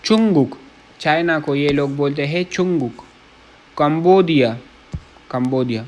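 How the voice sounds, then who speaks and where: A man's voice: on the high side, faint music behind. A man from Pakistan, teaching Korean vocabulary in a casual lesson. He reads each word, repeats it, glosses it in Urdu and keeps checking that listeners follow. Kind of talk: casual classroom-style lesson.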